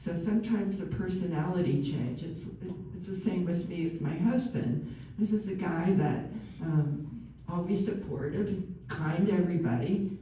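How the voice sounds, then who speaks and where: A woman working as a nurse and counsellor, giving a chatty, gentle talk to a group and acting out example phrases. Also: fairly low pitch, moderate pace, a little hiss or hum. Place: large room with an audience. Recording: very echoey room, far from mic.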